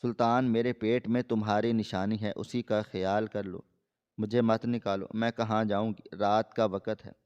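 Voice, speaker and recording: A desperate, pleading young wife, read by a male storyteller with a clear, smooth voice. The recording sounds a bit dull and lo-fi. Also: lowish voice, little pitch movement, a little mellow, close to an everyday voice.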